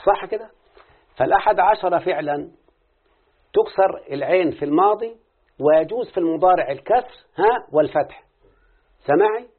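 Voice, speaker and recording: Egyptian male tutor, fairly high voice, questioning and repeating answers, lo-fi phone-quality recording. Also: animated, normal speed, long pauses, slightly rough. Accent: Egyptian Arabic. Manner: quizzing, coaxing, repeats answers back. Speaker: teacher of Arabic morphology. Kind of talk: classroom lesson with questions to a student. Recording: phone-like lo-fi audio.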